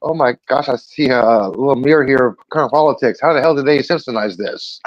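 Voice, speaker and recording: A man chatting casually as a show panelist, excitable, quoting his own reactions aloud. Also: mid-range voice, a little fast, lo-fi sound. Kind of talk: casual chat.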